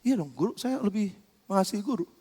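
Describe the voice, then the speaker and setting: A man preaching who voices a humble, anxious male disciple, speaking soft, low and pleading, with a long hall echo. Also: lively intonation, quick pace, husky.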